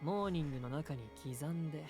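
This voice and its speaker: A composed head maid, polite but slyly teasing in an audio drama. The lowish voice moves quickly with lively melody. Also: female voice, over music.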